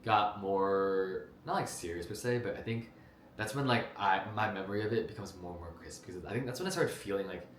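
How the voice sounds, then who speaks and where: In an echoing room with a faint background hiss, a New Jersey vlogger, a young man from the United States, chats to camera about his life through the camera mic. He speaks fairly quickly in a very low voice, loose and rambling, with many fillers and restarts.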